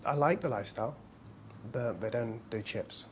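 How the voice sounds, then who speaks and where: A man in his forties from England, a Chinese medicine practitioner, chats casually in an interview at his clinic, explaining his work with light humor. His voice sits mid-range at a moderate pace, with slight background noise.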